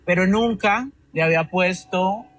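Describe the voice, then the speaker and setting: A man speaks in a somewhat high voice, calling into a radio show over his speakerphone. He rambles in an earnest, devotional way, and faint music plays behind him. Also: unhurried, fairly bright tone. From Antioquia, Colombia. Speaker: radio caller. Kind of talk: call-in storytelling. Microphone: phone on speaker.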